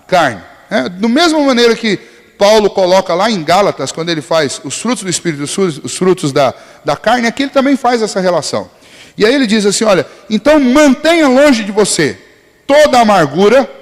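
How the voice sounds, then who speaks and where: High, lively Brazilian pastor preaching. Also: male voice, big-room sound. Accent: Brazilian Portuguese. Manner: conversational preaching with rhetorical questions. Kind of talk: sermon.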